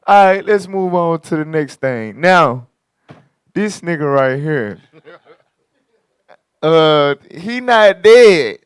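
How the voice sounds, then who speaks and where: A man hosting a casual talk show, commenting on clips in an animated, slangy way with lots of laughter. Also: a little high, very slow, pauses often, clear, resonant tone, no echo, clean studio sound. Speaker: host.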